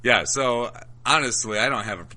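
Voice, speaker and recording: A man's voice: medium pitch, pushed and bright. A man co-hosting a podcast in casual banter, often stumbling and restarting his words. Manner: halting, stumbles over words. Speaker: podcast co-host.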